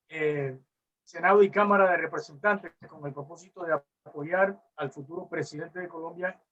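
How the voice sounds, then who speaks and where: A man's voice: fairly high pitch, fairly bright tone. A man making a formal request at an online meeting, hesitant and full of fillers, speaking over a video call. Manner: hesitant, lots of "eh, digamos". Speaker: meeting participant. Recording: distant, muffled call audio.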